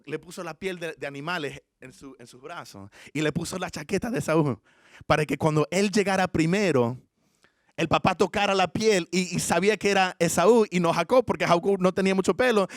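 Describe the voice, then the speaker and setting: A man's voice: high voice, normal speed, no room sound, studio quality. A male pastor, preaching a sermon and telling the story with acted-out lines. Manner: storytelling, acting out the characters' lines.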